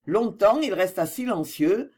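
A woman's voice: mid-range voice, lively intonation, a little slow, darkish tone, husky. A woman reading a novel aloud as an audiobook narrator, with dramatic expression.

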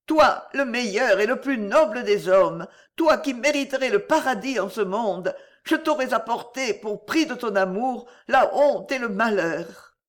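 A reader voicing an aristocratic wife who confesses with an emotional, pleading delivery in an audiobook. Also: female voice, medium pitch, big pitch swings, normal speed. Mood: anguished. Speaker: countess. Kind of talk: audiobook character reading.

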